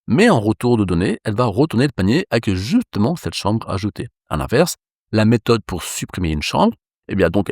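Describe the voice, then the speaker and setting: Lively low-voiced French man teaching code. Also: no echo, studio quality. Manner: relaxed, reassuring explainer with verbal fillers. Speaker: programming instructor. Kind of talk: screencast coding lesson.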